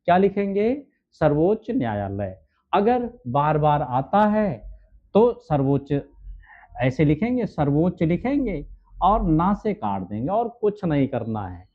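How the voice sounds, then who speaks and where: A high-pitched man teaches shorthand step by step. He asks his own questions, answers them, and keeps checking in with his students. The recording is dull and lo-fi. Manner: keeps adding "है ना" and "ठीक है" as checks. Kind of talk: steno dictation lesson.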